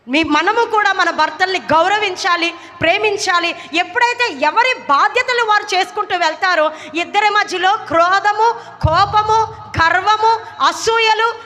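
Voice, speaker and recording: Woman preacher with a very high, bright voice, exhorting a church congregation in a sermon. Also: long reverb tail. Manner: exhorting, calls for loud hallelujahs, mixes in English phrases.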